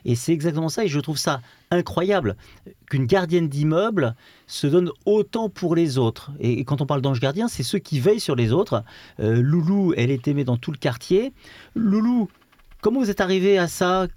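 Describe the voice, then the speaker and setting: A man's voice: a little high, expressive, normal speed, darkish tone, dry recording. A man interviewing and introducing a guest, speaking emphatically and full of praise. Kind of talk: enthusiastic interview presentation.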